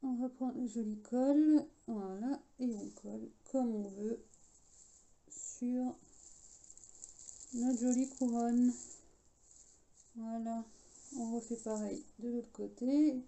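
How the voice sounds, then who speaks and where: A woman's voice: a little high, steady tone, takes it slowly, gravelly, long pauses, warm tone, poor audio. A woman hosting a casual craft tutorial in French with a slight English accent, talking chattily with many hesitations. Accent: English-tinged French.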